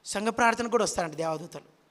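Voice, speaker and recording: A man's voice: high-pitched, fast talker, a bit bright, long reverb tail. A male pastor preaching a sermon in a dramatic way, calling out to his congregation and acting out wailing. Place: prayer house hall.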